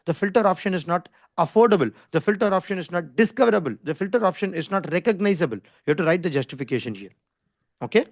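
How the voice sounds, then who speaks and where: A man's voice: sits high, animated, fast, dry recording, studio quality. A man with an Indian English accent teaching a live online design class informally, in an insistent, repetitive way, often checking that listeners follow. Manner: didactic, insistent, repeats himself, often checks with "okay?". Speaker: design skills instructor. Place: online video call with screen share.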